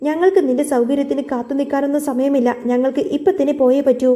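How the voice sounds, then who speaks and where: A determined young heroine levels her accusations in a steady, firm voice, read out by a woman retelling a serial. The tone sits high but warm and dark. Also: quick pace, lightly acted.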